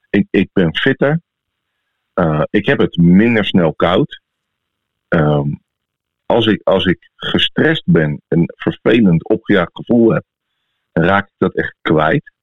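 A Dutch man with a fairly low voice hosts a casual podcast in an informal, personal way. His accent is from the Netherlands. The sound is narrow, like a phone line. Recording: thin phone-like sound, echoey room.

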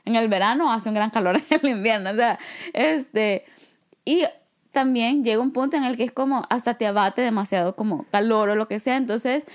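A woman from El Salvador with a Salvadoran Spanish accent, co-hosting a podcast in relaxed, chatty conversation. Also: a little high, normal speed. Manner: relaxed, chatty, frequent fillers and laughs. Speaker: podcast co-host. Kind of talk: casual chat.

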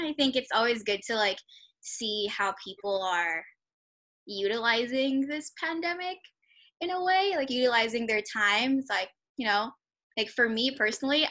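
Speaking from home, a bright-voiced young woman with a fairly high pitch conducts a casual conversational interview over a call as she starts a personal project. She's chatty and uses lots of fillers like "like" and "you know."

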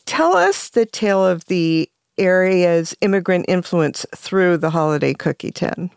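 A woman's voice: fairly low pitch, animated, measured pace, creaky, smooth, no echo. A woman hosting a radio interview from a studio, asking curious, prompting questions. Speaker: radio host. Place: radio studio in Los Angeles.

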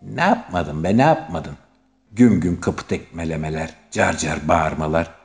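A man voicing a sharp-tongued young woman who scolds and curses at her partner in a comic sketch. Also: lively intonation, a little slow, creaky, heavily acted. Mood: scolding. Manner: scolding, cursing, shrill.

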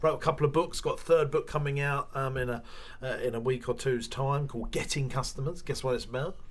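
A man's voice: mid-range voice, fairly even intonation, brisk. Chatty Essex man in casual interview. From Essex, England. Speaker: interview guest, entrepreneur and business coach. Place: small studio.

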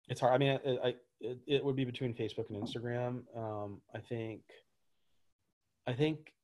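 A man's voice: mid-range voice, takes it slowly, long pauses, a little mellow. A man, a gym owner, answering interview questions in a loose, rambling way with lots of fillers and restarts. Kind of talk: casual interview talk.

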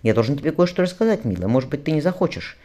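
Scheming priest in his thirties, read by a male narrator: brisk, lively delivery, gentle surface over cold contempt. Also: a little high, voice pushed up. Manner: outwardly gentle, secretly contemptuous.

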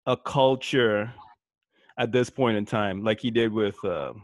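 A man's voice: fairly low pitch, measured pace, no echo. A man co-hosting a podcast in a casual, laid-back chat, laughing easily as he quizzes his guest. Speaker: podcast co-host.

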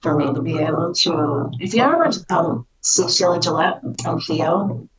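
A woman's voice: on the low side, lively intonation, moderate pace, crowd noise. Woman spirit channeler talking, distant mic. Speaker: spirit channeler, interview guest. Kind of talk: casual personal storytelling about channeling.

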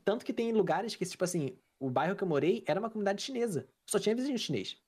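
A young man with a Carioca accent, chatting as a podcast guest in a slangy, animated storytelling way. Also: sits high, rapid-fire, slightly rough. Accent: Carioca Brazilian Portuguese. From Brazil. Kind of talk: casual chat.

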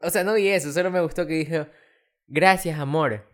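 Teasing young man, casual podcast. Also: high-pitched. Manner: teasing, jokey, quick asides. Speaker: podcast co-host. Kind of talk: casual chat.

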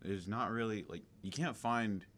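Young man, American accent, deep register, casual slangy chat, slight noise behind. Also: moderate pace, fairly bright tone. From southern United States. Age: young adult. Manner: slangy, anecdotal. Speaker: podcast co-host.

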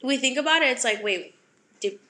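A woman's voice: sits high, expressive, fairly quick, pushed and bright, roomy sound. A young woman from Wisconsin co-hosting a casual podcast, chatty and full of fillers. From Wisconsin, USA. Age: young adult. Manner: chatty, filler-heavy, giggly. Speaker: podcast co-host. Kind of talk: casual chat.

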